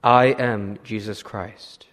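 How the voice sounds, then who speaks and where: A man, a priest, voicing a small divine child who speaks slowly and solemnly in archaic words. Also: lowish voice, fairly even intonation, fairly bright tone, big-room sound. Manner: slow, solemn archaic speech.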